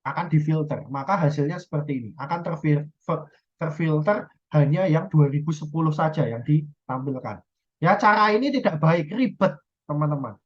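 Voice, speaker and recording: A woman's voice: deep voice, expressive, moderate pace, dull audio. A woman lecturer giving a recorded university lesson, explaining step by step, often checking in with the class and correcting herself.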